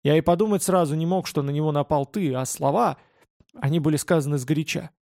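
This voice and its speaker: A man narrating a first-person fantasy audiobook in a calm, steady reading voice. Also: fairly high pitch, fairly quick, gravelly, no echo, clean studio sound.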